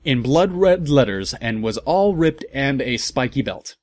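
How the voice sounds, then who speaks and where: A man performs a theatrical, comedic reading of fan fiction, a comic reader cutting in with incredulous asides. His mid-range voice is expressive and measured in pace as he dramatically narrates and interjects.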